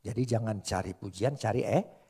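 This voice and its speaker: An older male pastor preaching a sermon lively rises to loud emphasis and playful teasing of the congregation. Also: on the low side, moderate pace.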